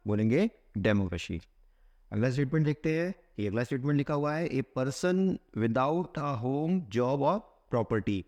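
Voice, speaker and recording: A man teaching vocabulary for competitive exams. He asks a question, answers it himself, and reads English phrases slowly, word by word. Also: medium pitch, darkish tone. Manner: asks a question, then answers it with a repeated keyword. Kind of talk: explaining a vocabulary lesson.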